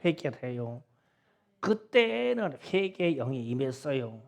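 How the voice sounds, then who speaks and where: A middle-aged male pastor telling a lively story in a Sunday sermon, acting out the voices of the kids in it. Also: medium pitch, measured pace, gravelly. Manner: animated storytelling, acts out kids' voices and wailing. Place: church sanctuary.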